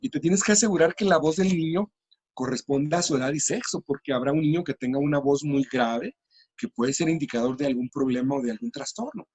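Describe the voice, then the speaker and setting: A man's voice: a little high, brisk, a little mellow. A middle-aged man, a teacher trainer explaining classroom practice patiently in an interview.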